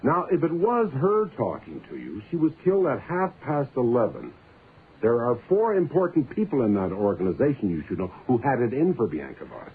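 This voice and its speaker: A thin, faintly noisy old radio recording of a hard-nosed police inspector. He is blunt and skeptical, pressing his points with lively swings in pitch. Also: moderate pace, phone-quality sound. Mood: insistent, interrogating. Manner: blunt, insistent, interrogating. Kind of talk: radio detective drama acting.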